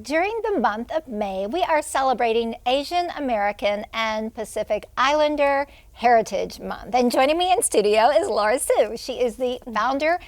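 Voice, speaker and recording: A woman hosting a TV studio interview, asking measured, polished questions. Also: fairly high pitch, animated, no room sound, faint music behind. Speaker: TV host. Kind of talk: broadcast interview.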